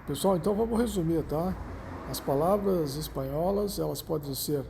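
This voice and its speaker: A man with a Brazilian Portuguese accent walks through a lesson at an unhurried pace, pausing to check understanding with listeners. His voice is gravelly and dark, sitting a little higher than usual. Faint background noise hums underneath the recording. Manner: slow, repeats himself, frequent "né?" and "tá?" checks. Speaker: language teacher. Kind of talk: explanatory lesson.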